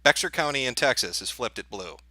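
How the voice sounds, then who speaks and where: A man's voice: medium pitch, lively intonation, brisk, sharp tone, no room sound. A man hosting a livestream as an off-the-cuff election night analyst, thinking aloud as he reads out results in casual live commentary. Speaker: livestream host.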